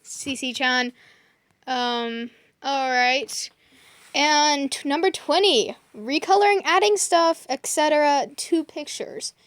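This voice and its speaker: Young woman, high voice, chatty co-host, stumbly and filler-heavy, dry close sound. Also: slow pace, a bit bright, no echo. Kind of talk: casual chat reading a list.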